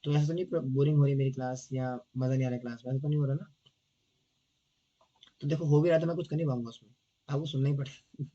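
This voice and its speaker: Hoarse man teaching a scripture class. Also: mid-range voice, steady tone, fast talker, pauses often, dark tone, dull audio. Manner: chatty, teasing, often checks in with listeners. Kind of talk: casual devotional scripture class.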